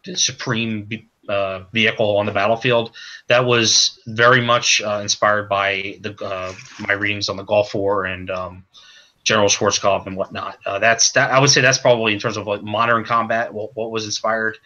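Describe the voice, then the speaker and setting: A man being interviewed as a comic creator, talking in a halting way with many repeated words and restarts. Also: on the low side, fairly even intonation, sharp tone, dull audio. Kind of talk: casual stream interview.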